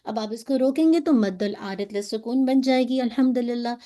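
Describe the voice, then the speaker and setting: A woman teaching Quran recitation on a video call, explaining each sound patiently and modelling words slowly. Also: on the high side, mellow. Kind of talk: online tajweed class.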